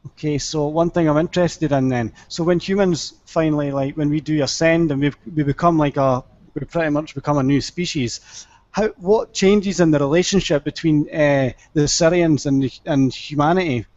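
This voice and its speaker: Higher-voiced man casually asking questions, hesitant. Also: moderate pace, a little mellow, no room sound. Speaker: session host asking questions. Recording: dull, dry lo-fi audio.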